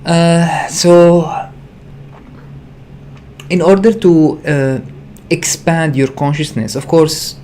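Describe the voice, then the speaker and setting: Speaking extremely slowly and pausing often, this livestream host talks unscripted as a spiritual teacher, earnest and repetitive as he rephrases ideas and hesitates in search of words. His voice is a little high, steady and warm, and there's a little hiss or hum.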